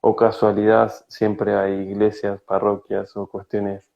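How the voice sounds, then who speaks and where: A man from Argentina with a Rioplatense accent, a spiritual guide talking slowly and searchingly in an interview, with frequent hesitations. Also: on the low side, completely flat delivery, gravelly, lo-fi sound. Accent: Rioplatense Spanish. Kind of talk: reflective conversational interview. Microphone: video call.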